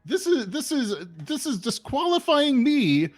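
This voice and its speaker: A man voices a haughty rival chef in a tabletop game. His voice is defensive and huffy, and it rises in lively, wounded indignation. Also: very high voice, measured pace, pitched above the performer's own voice, full character voice. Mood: indignant. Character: proud, offended male chef rival.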